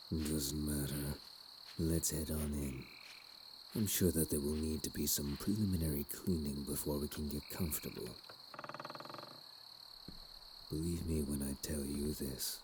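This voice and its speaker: A man playing a sinister, courteous plague doctor in a fantasy audio role-play, with a low, unhurried voice and archaic, doting yet menacing speech. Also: noisy background. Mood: calm, musing.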